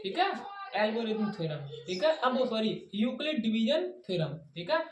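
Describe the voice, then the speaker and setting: A woman's voice: on the high side, sing-song, moderate pace. A woman tutor giving a blackboard maths lesson, who asks a question and then repeats the answer. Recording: echoey room, distant mic, background noise.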